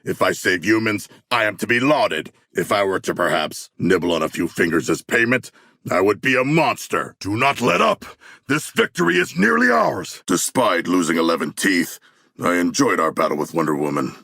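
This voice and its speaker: A huge shark-man warrior from a video game, with a rough, gravelly voice that swings widely in pitch. He speaks in formal, grandiose phrases, courteous and earnest yet hungry for battle. The sound is forceful and close. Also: very animated, normal speed, dry recording, full character voice. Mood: battle-eager, urgent. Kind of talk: video game character voice lines.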